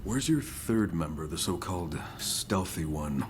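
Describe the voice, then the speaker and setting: A man playing a stern, icy older military commander in an audio drama, measured and authoritative. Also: sits low, animated, background noise. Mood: stern, cold. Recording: music bed under the voice.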